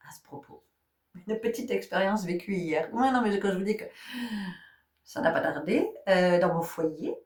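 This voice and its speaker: A woman's voice: on the low side, normal speed, darkish tone. A woman in a casual vlog who tells stories in a chatty way, with many fillers and restarts. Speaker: spiritual guide and vlogger. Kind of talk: casual chat. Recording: roomy sound from a distant mic.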